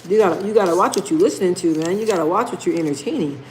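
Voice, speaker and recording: A woman hosts a casual live stream, speaking very fast and emphatically in a lowish voice with a darkish tone. She repeats key phrases and reads viewer comments aloud, over slight background noise in a rough recording.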